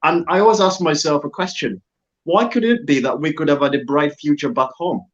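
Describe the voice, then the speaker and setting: On an online talk show, a guest from Zambia speaks a little fast in a fairly high voice, with the recording sounding muffled. He makes an earnest, emphatic political appeal, returning again and again to his key phrases.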